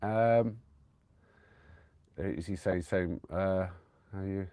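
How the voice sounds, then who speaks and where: Speaking slowly in a deep voice, a man with a slight cold chats to his live-stream audience from his camper van. His talk is rambling and friendly, peppered with fillers and false starts. The recording is dry.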